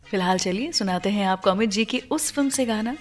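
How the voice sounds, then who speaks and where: A medium-pitched woman talks a little fast while hosting a radio music show over background music. Her storytelling is scripted but sounds conversational, and she mixes English phrases into it.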